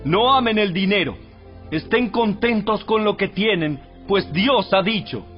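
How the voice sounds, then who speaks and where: Male narrator, high-pitched, solemn and measured, for scripted audio Bible with faint background music. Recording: dull radio-like sound with music behind.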